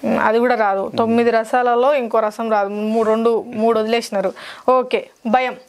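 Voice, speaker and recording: High-voiced, pushy woman interviewer. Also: flat delivery, darkish tone. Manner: brisk, pushy, mocking. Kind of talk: teasing audition interview.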